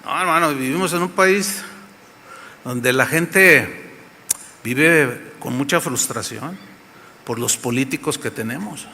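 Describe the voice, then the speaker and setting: A man's voice: medium pitch, takes it slowly, creaky, long pauses, pushed and bright. A man with a Mexican accent preaching a sermon, telling a story dramatically and asking the audience rhetorical questions. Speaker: pastor. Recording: echoey hall.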